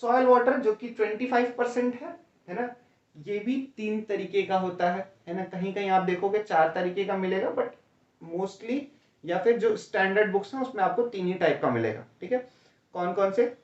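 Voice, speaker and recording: A man's voice: sits high, moderate pace, darkish tone. A man lecturing students for an exam, explaining one step at a time and casually checking in with them. His voice sounds far from the mic in an echoey room. The recording is a little dull and lo-fi. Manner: explains step by step, keeps asking "है ना?" and "ठीक है?"; calls students "भैया". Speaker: teacher. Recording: roomy, distant, dull lo-fi sound.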